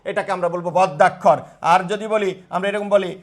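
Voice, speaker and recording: A man's voice: high voice, level tone, fast talker. A young man teaching grammar in a live online class, repeating terms and quizzing his students.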